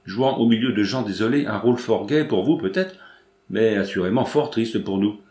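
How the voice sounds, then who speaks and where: Bold, quick-witted young woman, read by a man. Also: on the low side, lively intonation, darkish tone, roomy sound. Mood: eager. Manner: eager, pressing questions. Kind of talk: audiobook dialogue reading.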